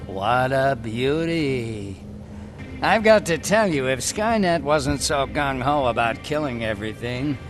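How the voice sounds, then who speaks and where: In a video game cutscene, a male actor with a medium-pitched voice plays an eccentric, chatty scientist and hacker. The character is eager, blunt and fond of explaining things, brimming with geeky enthusiasm.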